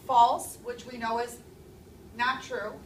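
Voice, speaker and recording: A woman's voice: fairly high pitch, level tone, takes it slowly, recorded from a distance, slight background noise. Emphatic woman teacher in an echoey classroom. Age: 30s. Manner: clear, emphatic, stresses key words. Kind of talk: classroom language lesson. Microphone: far camera.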